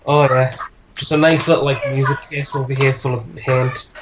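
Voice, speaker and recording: A man's voice: mid-range voice, little pitch movement, moderate pace, background noise. A man chatting casually, filling his talk with "like". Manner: chatty, lots of "like" fillers. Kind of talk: casual chat.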